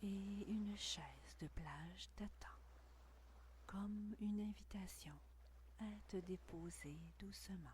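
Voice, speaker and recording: Whispering woman, very slow, close in your ear. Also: medium pitch, darkish tone, a little hiss or hum. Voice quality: breathy, whispered. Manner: slow, soothing, unhurried phrasing with long pauses. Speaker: guided meditation narrator. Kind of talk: guided meditation, scripted narration.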